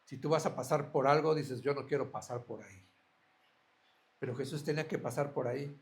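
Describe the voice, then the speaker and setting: A man's voice: mid-range voice, brisk. A man preaching a sermon as a pastor, earnest, asking his listeners direct questions.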